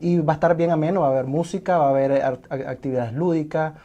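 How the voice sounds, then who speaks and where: Mellow-voiced man explaining thoughtfully. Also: on the high side, fairly even intonation, fast talker, dull audio. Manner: thoughtful, explanatory, repeats words while searching. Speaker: civil society organization representative. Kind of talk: TV studio interview guest.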